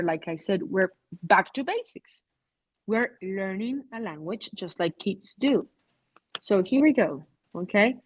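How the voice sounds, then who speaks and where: A woman's voice: medium pitch, dry recording, low-quality recording. A woman teaching English to adult learners in a video-call class, mixing English and Spanish and checking in with "okay?".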